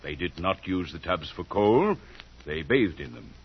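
A snooty old rich dad, raspy, low voice that swings all over, muffled old radio sound. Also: male voice, very animated, heavily acted. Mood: condescending. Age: older. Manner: dry, condescending and measured. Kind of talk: 1940s radio acting.

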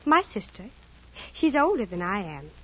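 A naive rich girl, prim and earnest, light breathy voice, old muffled radio sound. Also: medium pitch, very animated, moderate pace. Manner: prim, earnest and matter-of-fact. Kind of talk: 1940s radio acting.

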